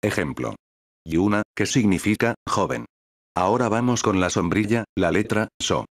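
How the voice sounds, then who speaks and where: A male text-to-speech voice reading a scripted educational narration in an even, synthetic cadence. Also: lowish voice, moderate pace, no echo, studio quality.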